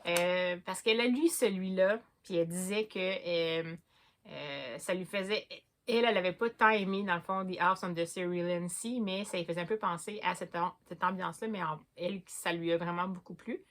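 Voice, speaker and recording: A woman's voice: lowish voice, normal speed, fairly bright tone. A woman with a Québécois French accent chatting casually about books as a vlogger, hesitating often and restarting her sentences. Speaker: book vlogger.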